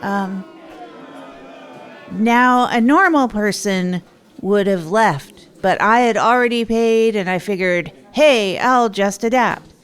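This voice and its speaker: A woman with a natural, clean, medium-pitched voice speaks slowly as Tog, a hapless adult storyteller and failed stand-up comedian in an audio drama. She's a narrator and radio host improvising a comic monologue, rambling earnestly and putting herself down. The performance comes across as eager and nervous.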